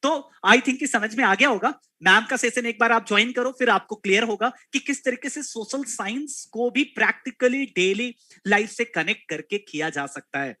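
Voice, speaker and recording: A male host with a bright, clear tone and a close, dry sound introduces each teacher in turn. He talks to the students as kids, slipping English words into his Hindi. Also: very high-pitched, normal speed, dry recording. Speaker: live class host. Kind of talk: live online class chat.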